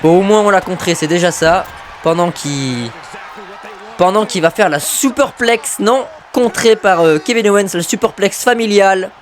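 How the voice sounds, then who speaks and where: Male gamer, high voice, excitable play-by-play, shouts at big moves, mutters asides. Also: normal speed. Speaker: gamer commentating his own wrestling video game match.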